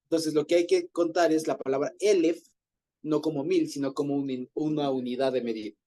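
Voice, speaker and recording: A man's voice: on the high side, steady tone, moderate pace, warm tone. A man leading an informal group Bible study, explaining Hebrew words in a conversational way and often rephrasing himself.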